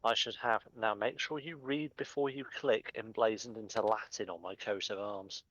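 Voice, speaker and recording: A man's voice: fairly low pitch, steady tone, normal speed, a bit bright, lo-fi sound. A man chatting on a stream with a friend, making dry teasing remarks. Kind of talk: casual chat.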